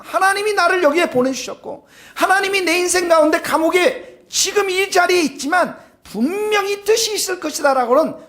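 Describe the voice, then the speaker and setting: A pastor giving a sermon who keeps asking the congregation questions, swinging between loud bursts and sudden hushed, breathy emphasis. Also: high-pitched. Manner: asks the congregation rhetorical questions.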